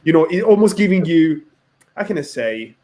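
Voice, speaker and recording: A man's voice: on the high side, very animated, moderate pace, dark tone. A man hosting a podcast interview, asking questions while repeating himself and searching for words. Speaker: podcast host.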